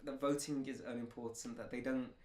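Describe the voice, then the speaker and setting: A man's voice: medium pitch, level tone, brisk, a little mellow, reverberant, slight background noise. A man co-hosting a casual podcast chat, laying out his opinions with emphasis. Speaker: podcast co-host.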